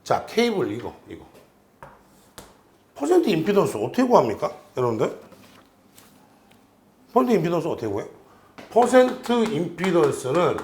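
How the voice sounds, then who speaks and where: A man's voice: high-pitched, a bit bright, roomy sound, a little hiss or hum. A man teaching an exam-prep lecture, working through problems and constantly asking his students questions.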